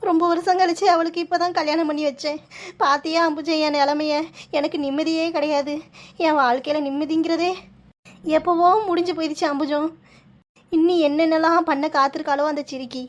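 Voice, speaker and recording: A woman's voice: sits high, fairly even intonation, brisk, lightly acted. A woman voicing a distraught village mother in a cartoon, scolding and despairing, with a Kanyakumari Tamil accent. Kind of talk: cartoon voice acting.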